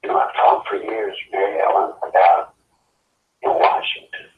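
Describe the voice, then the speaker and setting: A man's voice: low-pitched, steady tone, normal speed, recorded from a distance. A man calling in on speakerphone, talking in an earnest, pleading, urgent way as a guest caller. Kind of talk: casual talk. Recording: tinny phone line on speaker, roomy, faint noise.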